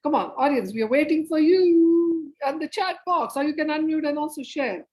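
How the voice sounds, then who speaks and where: Brief: woman, theatre facilitator on a video call, lively and coaxing, slightly higher voice. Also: normal speed, rough recording. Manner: lively, coaxing audience participation. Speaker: theatre educator and presenter. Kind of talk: interactive online workshop facilitation.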